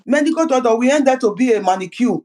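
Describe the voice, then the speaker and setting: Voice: medium pitch, animated, fast talker, a little mellow, poor audio. A speaker gives an impassioned political address as an activist, fervent and full of repeated words and restarted phrases.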